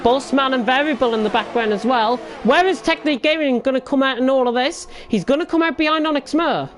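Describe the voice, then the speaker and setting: A woman works as a motorsport commentator, calling a race live as it unfolds. Her voice sits high. There is clear noise behind her throughout. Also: a little fast.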